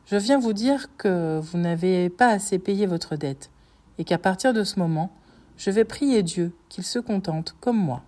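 Implacable avenging count, solemn and deliberate, mellow low tone, as a woman narrator reads him. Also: lively intonation. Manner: measured, solemn pronouncements. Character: vengeful disguised male count, cold and implacable. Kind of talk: audiobook reading.

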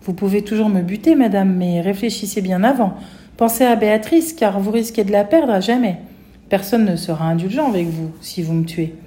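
Woman reader as a steady, soothing female carer, mellow and calm. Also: medium pitch, fairly quick, close to an everyday voice. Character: calm, gentle female childcare worker.

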